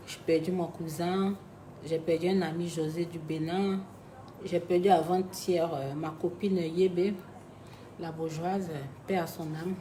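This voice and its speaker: A live streamer speaks to her followers, her "babies," in a low, dark voice over a faint hiss or hum. The casual chat on her phone turns sombre and reflective as she talks about loss.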